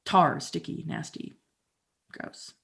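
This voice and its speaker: A middle-aged Canadian woman performs a theatrical storytelling monologue, slow and expressive. Her manner is wry and conversational.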